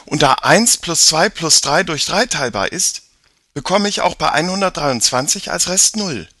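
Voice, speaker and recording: A man voicing Mia, a clever, excitable young girl who eagerly points things out. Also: fairly high pitch, normal speed, no room sound, studio quality, pitched above the performer's own voice, heavily acted.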